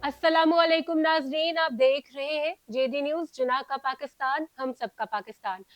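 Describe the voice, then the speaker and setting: A woman's voice: high-pitched, moderate pace, faint music behind. A woman, a talk show host giving a formal introduction. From Pakistan. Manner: formal, announcing.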